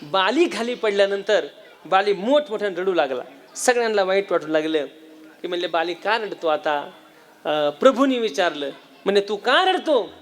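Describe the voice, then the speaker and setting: A man with a Marathi accent delivers a devotional kirtan sermon in a fairly high voice. He tells the story vividly and voices its characters himself. He keeps turning to his listeners with questions. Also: normal speed. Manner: animated storyteller, acts out dialogue, asks the audience questions. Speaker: kirtan preacher.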